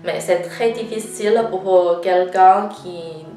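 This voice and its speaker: A Chinese-accented woman teaches in an unhurried, deliberate way, stopping often with "euh" to find her words. The recording sounds roomy and slightly distant from the mic. Soft guitar music plays faintly behind her. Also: fairly low pitch. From China. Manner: frequent hesitations with "euh", deliberate and patient. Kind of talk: slow, careful language lesson.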